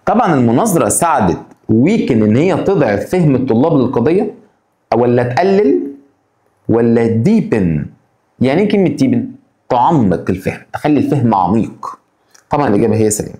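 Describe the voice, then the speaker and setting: A man with an Egyptian Arabic accent teaching an English exam-prep lesson. He keeps putting quick rhetorical questions to his students. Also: mid-range voice, big pitch swings, warm tone, echoey room.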